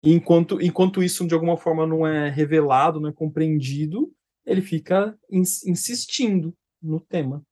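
A man with a Brazilian accent, a therapist and podcast co-host, telling a case story in casual chat with animated restarts. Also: on the high side, moderate pace.

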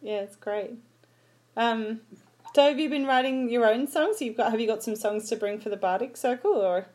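A woman's voice: on the high side, moderate pace, a little mellow. A woman hosting a casual podcast interview, asking friendly questions and giving short agreeing replies. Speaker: podcast host.

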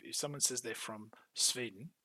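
Aussie bloke swearing and laughing thru a show recap, bright slightly husky voice, dry close sound. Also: male voice, mid-range voice, normal speed, dry recording. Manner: sweary, laughs often, animated. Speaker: podcast co-host, show newcomer. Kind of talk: casual recap chat.

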